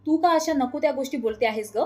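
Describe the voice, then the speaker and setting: Storybook wife, nagging and theatrical, pitched a little high, as a woman reader puts her on. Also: quick pace, dark tone, soft background music, close to an everyday voice. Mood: complaining. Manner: scolding, sarcastic complaints. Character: middle-aged wife, complaining, dramatic, sharp-tongued.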